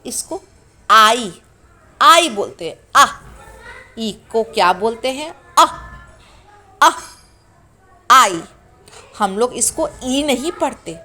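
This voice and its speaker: A woman teaching an English grammar lesson to beginners, sounding out letters slowly and asking the class questions. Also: on the high side, fairly bright tone. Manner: slow, drawn-out sounding of letters.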